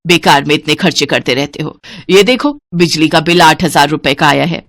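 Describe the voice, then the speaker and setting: A woman doing a bossy penny-pinching older mother-in-law, scolding tone, low voice, dry close sound, cartoon story. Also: normal speed, no room sound. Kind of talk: cartoon voice acting.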